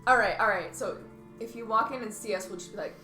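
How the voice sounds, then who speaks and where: Bright-voiced woman player. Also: medium pitch, fast, faint music behind. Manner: chatty, excited, laughing. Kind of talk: playing a tabletop game. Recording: echoey room.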